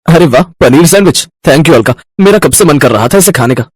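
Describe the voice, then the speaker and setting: A man voicing an eager young husband in an animated storybook. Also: fairly high pitch, brisk, breathy edge, dry recording, clean studio sound. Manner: eager, sneezing.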